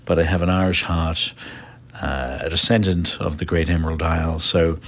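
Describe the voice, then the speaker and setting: Deep-voiced English man with many uhs. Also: fairly even intonation, normal speed, a bit bright. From England. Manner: rambling, many filler uhs. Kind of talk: casual recommendations list.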